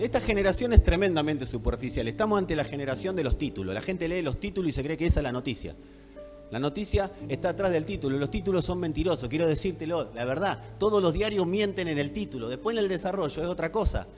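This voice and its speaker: Man, Rioplatense accent, pastor, emphatic sermon, lively pitch, long hall reverb, faint music. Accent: Rioplatense Spanish. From Buenos Aires, Argentina. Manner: emphatic, swings from hushed to loud, addresses congregation directly.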